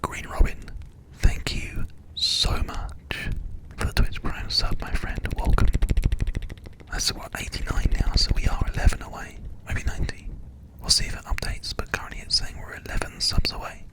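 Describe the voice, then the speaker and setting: A streamer speaking in a soft ASMR whisper, chatting casually to viewers one by one on a livestream. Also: normal speed, low-quality recording.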